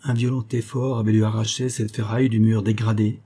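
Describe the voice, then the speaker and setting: A man narrating a literary audiobook in a measured, dramatic way. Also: on the low side, level tone, warm tone.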